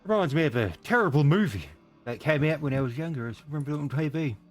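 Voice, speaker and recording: A man's voice: on the high side, expressive, quick pace, soft background music. A man playing a tabletop game, making wry, laid-back remarks in casual banter.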